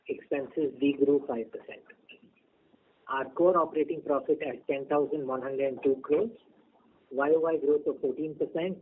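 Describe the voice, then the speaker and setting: Man on a tinny conference call line. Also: medium pitch. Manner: measured, reads figures in a steady list. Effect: conference call over a phone line. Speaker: bank executive presenting results. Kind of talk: reading prepared earnings remarks. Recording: tinny phone line with faint noise.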